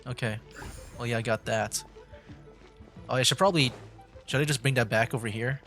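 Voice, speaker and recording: Soft background music plays under a man streaming a game, his voice medium in pitch and fairly bright. He offers casual remarks on the puzzles, thinking aloud and breaking off to restart.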